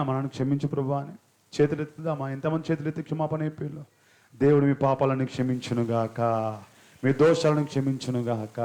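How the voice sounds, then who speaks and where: A male pastor preaching a sermon in church, leading the congregation in slow, drawn-out chanted prayers and scolding listeners who do not join in. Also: fairly high pitch, darkish tone. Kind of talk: sermon with call-and-response prayer.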